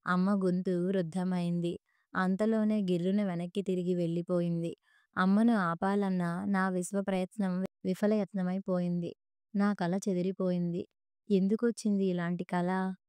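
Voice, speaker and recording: A woman narrating a story in a measured, steady way. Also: fairly low pitch, smooth, no echo. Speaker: audiobook narrator.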